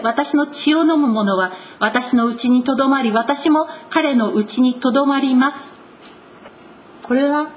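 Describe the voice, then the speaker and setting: A woman gives a sermon from the pulpit, leaning on important words with slow, earnest emphasis. Her voice sits a little high. A faint hiss of room noise runs underneath. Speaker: pastor.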